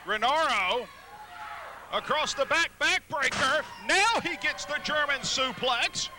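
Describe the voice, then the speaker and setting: A man's voice: very high-pitched, unhurried. A man doing live play-by-play wrestling commentary in clipped, blow-by-blow phrases. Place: live wrestling event in an arena. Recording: noisy live event sound.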